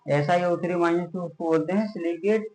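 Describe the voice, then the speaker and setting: A man teaches a science lesson at a board. His voice sits a little high and echoes around a bare room. He drills his points by asking a question and then answering it himself, stretching out each key term. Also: fairly quick, darkish tone. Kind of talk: classroom chemistry lecture at a board.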